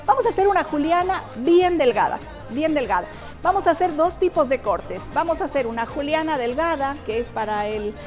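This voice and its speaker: A middle-aged woman, a cooking teacher on a TV show, chatting with viewers and explaining each technique step by step. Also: sits high. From Ecuador. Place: TV studio kitchen.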